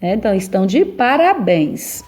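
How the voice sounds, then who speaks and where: A woman's voice: mid-range voice, big pitch swings, normal speed, a little mellow. A woman teacher giving class instructions in an encouraging way, often checking in with tag questions.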